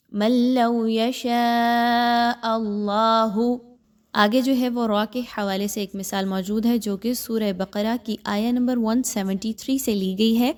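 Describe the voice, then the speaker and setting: A woman's voice: medium pitch, a little mellow. A woman teaching Quran recitation in a recorded online class. She explains each rule patiently, step by step, and slips English words into her sentences.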